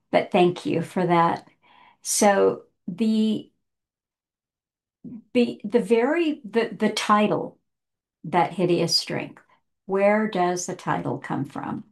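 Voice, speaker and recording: Slow, gravelly-voiced woman chatting about a book. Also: fairly low pitch. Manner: chatty, self-correcting, careful reading aloud. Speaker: book discussion host. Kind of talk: casual rambling book talk.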